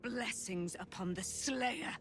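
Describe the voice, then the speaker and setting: A woman's voice: fairly high pitch, takes it slowly. A woman playing an exalted, devout and vengeful warrior in a video game, declaiming grandly in archaic phrasing. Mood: exultant, proclaiming. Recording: music behind the voice.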